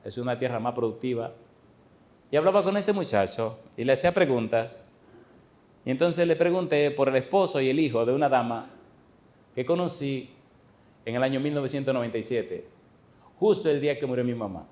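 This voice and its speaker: A middle-aged pastor preaching to his congregation, his voice at an ordinary male pitch. He tells stories with real animation, bursting into loud exclamations and then dropping to soft, tender asides. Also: fairly quick, long pauses. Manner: lively storyteller, swings between loud exclamations and hushed tender asides. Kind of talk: storytelling sermon. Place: church before a congregation.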